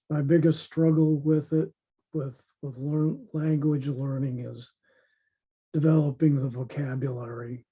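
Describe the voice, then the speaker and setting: An American man whose first language is English, a language learner, records a self-made video intro while worn out from illness and low on energy. He speaks slowly and haltingly, with many pauses and restarts, in a slightly high, mellow yet raspy, gravelly voice. The recording has dull lo-fi sound.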